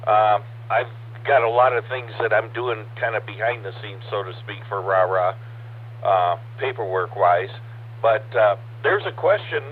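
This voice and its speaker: A man chatting on an amateur radio net, hesitant and full of fillers, heard over a two-way radio link with static. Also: medium pitch. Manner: hesitant, filler-heavy, says "so to speak". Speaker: ham radio net participant. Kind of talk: casual on-air chat. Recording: tinny radio transmission with faint static.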